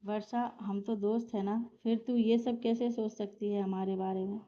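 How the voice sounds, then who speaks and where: A woman's voice: medium pitch, level tone, moderate pace, dark tone, slight background noise, lightly acted. A woman reading the lines of an easygoing young man, bewildered and pleading. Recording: slightly dull lo-fi recording.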